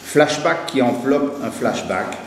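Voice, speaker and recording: Here a man delivers a conference talk from a prepared academic paper, stumbling and starting over whenever he goes off-script. He speaks a little slowly at a medium pitch with lively intonation. It was recorded in a university lecture hall, echoey and faintly noisy.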